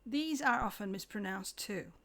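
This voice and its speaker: A woman giving a scripted English lesson, slowing down to pronounce example words carefully. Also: mid-range voice, animated, pushed and bright. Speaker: English teacher.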